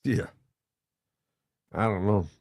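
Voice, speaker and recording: A man's voice: lowish voice, slow, a little mellow, dry recording, studio quality. A man co-hosting a casual chat show, teasing and joking in a laid-back way. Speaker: co-host.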